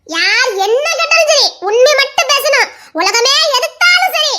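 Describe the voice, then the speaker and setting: A woman's voice: very high voice, lively intonation, moderate pace, sharp tone, a little hiss or hum, full character voice. A woman voicing a playful, teasing young woman in an audio drama, speaking with a giggly, mock-solemn manner. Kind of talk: Tamil audio drama acting.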